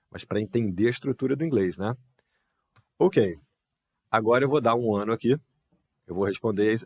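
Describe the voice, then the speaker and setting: Man, low voice, dry close sound, patient step-by-step English teacher, models phrases slowly. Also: darkish tone, no echo. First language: Portuguese. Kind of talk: live online English lesson.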